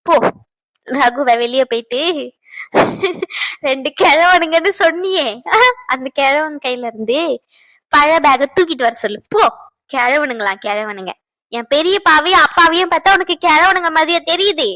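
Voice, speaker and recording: Soft, placating daughter, high bright voice, dry close sound. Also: female voice, moderate pace, long pauses. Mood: soothing, pleading. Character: calm patient married daughter, hiding her sorrow. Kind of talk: TV serial drama acting.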